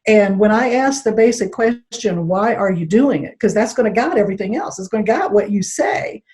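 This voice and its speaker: A woman with a soft-edged, mellow voice talks as a guest consultant on a panel. She explains her points in an emphatic, conversational way, repeating words to drive them home. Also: medium pitch, animated, normal speed.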